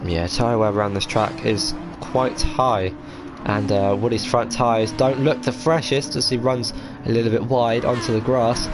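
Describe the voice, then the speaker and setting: A man's voice: medium pitch, steady tone, moderate pace, background noise. A man giving live motorsport commentary on a sim race, hesitant and full of fillers as he follows each move.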